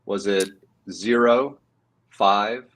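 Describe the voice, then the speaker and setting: A man's voice: lowish voice, steady tone, extremely slow, a bit bright. Jokey man reading trivia. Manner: jokey, teasing. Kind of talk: casual chat, reading trivia questions.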